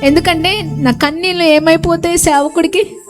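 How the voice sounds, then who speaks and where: A woman shares her testimony in a church setting, her voice sitting very high. She speaks earnestly and circles back over the same phrases for emphasis. Worship music plays clearly beneath her words. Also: steady tone, moderate pace. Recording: clear background music under the voice.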